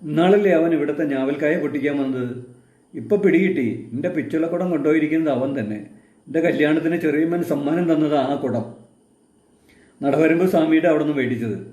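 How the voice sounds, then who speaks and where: Male reader playing an older village grandmother: indignant, talkative, mellow voice, echoey room. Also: fairly high pitch, fast, natural voice. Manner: complaining, exclaiming storyteller's reading. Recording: roomy echo.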